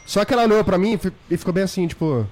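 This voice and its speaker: A young man spins a school story at a rapid clip, his voice sitting a little high. He jumps into other people's voices and lets out laughs along the way. It is loose, casual podcast talk. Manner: animated, acts out voices and shouts in his stories; laughs often while telling. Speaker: podcast guest.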